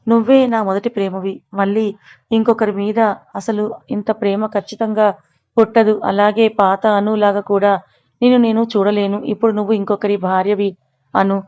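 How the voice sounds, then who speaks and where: A woman voicing a devoted, gentle young man in love, read out in a storybook. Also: medium pitch, level tone, normal speed, natural voice. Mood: tender. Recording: dull lo-fi recording.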